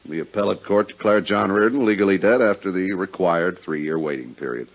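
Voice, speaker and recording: In a 1950s radio drama, a hearty, plain-spoken insurance adjuster briefs a friend in a deep voice, speaking a little fast. His tone is matter-of-fact and insistent, his talk conversational. The vintage recording comes across dull and muffled.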